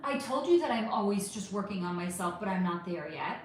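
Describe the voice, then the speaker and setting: A woman mimicking a self-excusing man from a dating app, in a lower, mocking, defensive voice, recorded in a very echoey room with faint noise. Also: lively intonation, brisk, close to an everyday voice.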